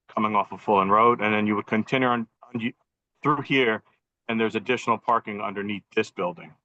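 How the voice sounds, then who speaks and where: Low-voiced man on a dull video call. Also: sharp tone, dry recording. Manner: methodical, walking through a plan with frequent ums. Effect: on a video call over poor Wi-Fi. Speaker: professional engineer presenting a site plan. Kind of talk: formal presentation at a public meeting. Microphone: computer audio on a video call.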